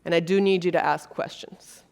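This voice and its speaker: Her voice is lowish, somewhat gravelly and a little mellow, with fairly even intonation at a normal speed. She is a Brazilian woman giving an earnest, conversational conference keynote on stage before an audience, using frequent fillers.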